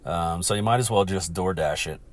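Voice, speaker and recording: A Texan podcast host from the United States runs a casual, rambling sports chat full of swearing. His low-pitched voice is stuffy and congested, like a blocked nose, at a moderate pace.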